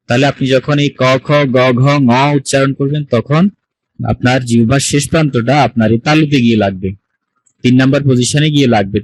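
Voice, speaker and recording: A man's voice: medium pitch, no echo, rough recording. Man teaching pronunciation in an online class. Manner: patient, explains step by step with questions to the class. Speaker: Sanskrit teacher. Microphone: computer mic on a video call.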